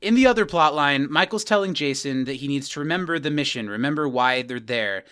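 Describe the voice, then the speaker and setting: Male podcast co-host, smooth clear voice, lively recapper who slips into character voices. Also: on the high side, a little fast. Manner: animated recapping, acts out characters' lines. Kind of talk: casual rewatch podcast chat.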